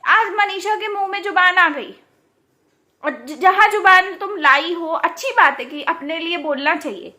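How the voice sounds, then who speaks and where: A woman's voice: very high-pitched, measured pace, bright, forceful tone. A young woman, ranting in a casual vlog and scolding with rhetorical questions. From India. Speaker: YouTube commentator.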